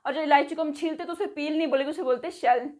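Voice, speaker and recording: A woman with a high, light voice gives a casual vocabulary lesson. She repeats each word slowly and spells it out letter by letter. She checks in with a quick "okay" after nearly every item. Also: a little mellow. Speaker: spoken English teacher.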